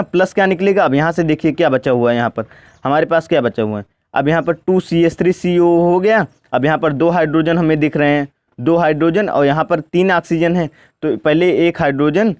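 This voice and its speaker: Man, chemistry teacher, slow deliberate delivery, self-answered questions, highish voice, dry close sound. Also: darkish tone, no echo. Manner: asks questions and answers them himself, repeats "ठीक ना"; speaks slowly and deliberately. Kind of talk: board lesson, step by step.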